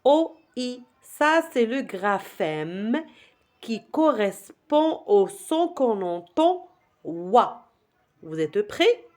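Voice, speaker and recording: Slow, lively woman teaching phonics. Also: mid-range voice. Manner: slow, lively, repeats words and syllables for children to echo. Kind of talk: classroom phonics lesson for young children.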